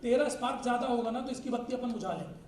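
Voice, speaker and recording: A man giving an energetic, joking sales training talk who often laughs as he speaks and uses cricket analogies. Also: very high-pitched, very fast. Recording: echoey room, distant mic, faint noise.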